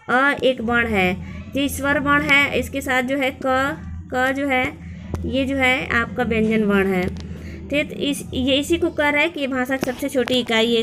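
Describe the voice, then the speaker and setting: A woman teaching a grammar lesson, slowly spelling out sounds letter by letter and often checking that her students follow. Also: high voice, fairly bright tone.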